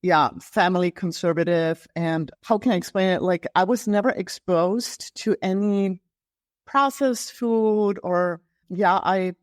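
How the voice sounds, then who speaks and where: Recorded with clean studio sound and no room reverb, a lowish-voiced German woman speaks at a measured pace. She is a health coach sharing her story in a casual interview, with plenty of fillers and restarts.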